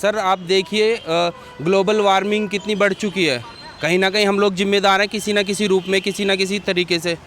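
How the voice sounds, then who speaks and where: A passerby with a high, fairly bright voice answers a street reporter briskly and steadily, arguing his view point by point. He stands outdoors by a busy street, with faint traffic noise and faint music behind him.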